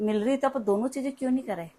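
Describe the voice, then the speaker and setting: A woman's voice: high voice, fast, warm tone. A woman, tutoring at home in a patient, explanatory, chatty way. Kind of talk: casual home lesson.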